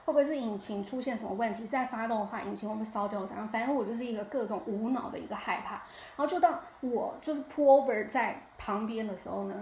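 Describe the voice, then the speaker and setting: A young woman with a Taiwanese Mandarin accent tells a story on her podcast in a lively, chatty way, often checking in with the listener. Her voice sits a bit high. The room rings with echo, and a faint hum of ambience runs underneath. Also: fast. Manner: animated, keeps asking the listener 你知道吗. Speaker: podcast host. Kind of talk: casual storytelling monologue.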